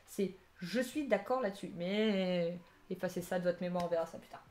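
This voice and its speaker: A woman's voice: lowish voice, moderate pace, darkish tone. A woman teaching a casual live-streamed language lesson, chatty and full of asides and restarts.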